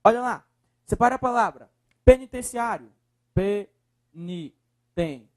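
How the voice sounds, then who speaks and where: A man's voice: high voice, animated, normal speed. Brief: Brazilian male teacher, coaxing, breaks words into syllables. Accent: Brazilian Portuguese. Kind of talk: video lesson.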